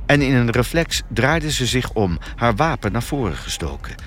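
A man narrating an audiobook thriller in a steady, expressive storytelling manner. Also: mid-range voice, moderate pace, a little hiss or hum.

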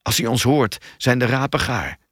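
A man's voice: medium pitch, normal speed, a bit bright, breathy edge, no echo, studio quality. A man voicing a determined female private detective who gives terse, urgent commands and whispers.

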